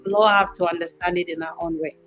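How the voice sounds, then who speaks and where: A woman's voice: on the low side, fairly even intonation, fast talker, fairly bright tone, lo-fi sound, faint music behind. A woman in her fifties hosting a casual panel talk show, making her points emphatically and repeating them for stress. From Zambia. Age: 50s.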